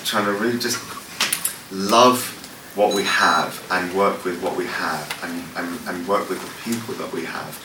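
Leading a panel session at a church conference, a worship leader answers questions off the cuff, stumbling through many fillers and restarts. His low-pitched voice is steady and a little slow. Captured by a distant mic, the audio is echoey and noisy.

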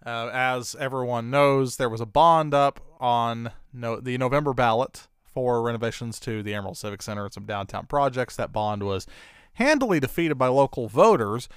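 A man hosting a radio interview, asking long, measured, multi-part questions. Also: mid-range voice, smooth, no echo, clean studio sound. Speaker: talk show host.

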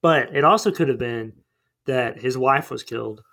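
A man's voice: mid-range voice, moderate pace, bright, forceful tone. A man chatting casually about a movie, rambling and thinking aloud with lots of fillers.

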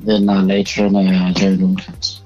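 A man's voice: low-pitched, monotone, normal speed, a little mellow, lo-fi sound, faint music behind. A young Ugandan man with a Ugandan English accent, a media personality and public speaker, answering interview questions in a hesitant way with many filler sounds. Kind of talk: casual interview.

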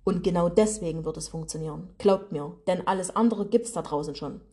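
Her voice is warm and on the low side, and her pace is a little fast. She is a business and mindset coach with a regional German dialect, delivering a motivational podcast monologue from her office while talking to listeners in a direct, colloquial manner.

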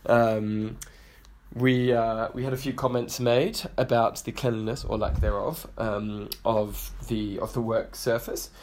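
A man giving a casual recorded update as a guest, halting and full of fillers. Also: medium pitch, little pitch movement, a little mellow, slight background noise. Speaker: guest contributor.

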